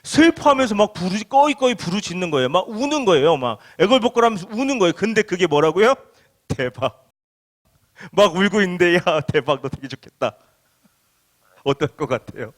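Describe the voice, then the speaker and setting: A man's voice: high-pitched, big pitch swings. A young adult male pastor giving a casual, conversational sermon to a youth group, asking his listeners questions and acting out everyday reactions. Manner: acts out everyday reactions in quick quoted asides.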